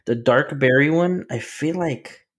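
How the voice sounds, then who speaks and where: A man's voice: fairly high pitch, measured pace. A man co-hosting a podcast in casual chat, easygoing and a little hesitant.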